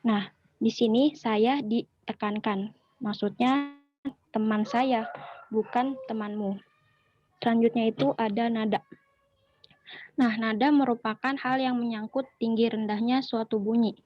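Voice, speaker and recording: A woman presents a linguistics lesson, pausing on fillers as she works through examples. Her voice sits fairly high, and the recording is dry and slightly muffled. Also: steady tone, no echo. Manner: explanatory, with frequent fillers. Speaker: student presenter.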